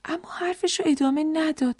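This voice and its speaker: A woman telling a children's story in a lively way, addressing the young listeners directly. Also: sits high, no echo. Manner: animated, talks straight to the children.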